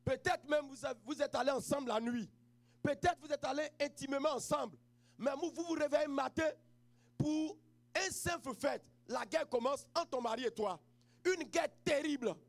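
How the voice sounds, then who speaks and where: A man with an Ivorian French accent preaching a sermon as pastor, moving from quiet personal storytelling to shouted, half-sung exhortation. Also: very high-pitched, moderate pace.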